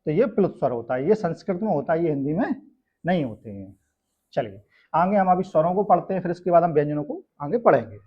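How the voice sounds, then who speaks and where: A man's voice: on the high side, sing-song, fast, slightly rough. A male teacher from India explaining a grammar lesson step by step, often checking in with tag questions. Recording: dull lo-fi sound.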